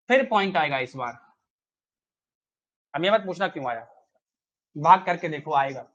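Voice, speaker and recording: A man's voice: high-pitched, fairly bright tone, lo-fi sound. A man teaching a live online maths class, chatty and coaxing, who keeps quizzing his students with rhetorical questions.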